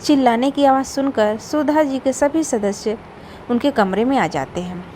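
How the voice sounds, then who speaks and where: A woman telling a family moral story. She reads steadily in a fairly high voice with a calm storybook pace. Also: moderate pace, slight background noise, poor audio. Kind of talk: scripted story narration.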